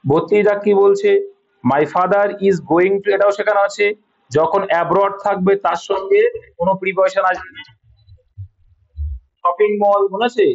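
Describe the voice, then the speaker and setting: Man, Bengali accent, grammar teacher, checks understanding often, somewhat high voice, dull lo-fi sound. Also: fairly even intonation, normal speed, gravelly, long pauses. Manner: patient, repeats points and checks understanding. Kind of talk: classroom lesson, explaining sentence corrections.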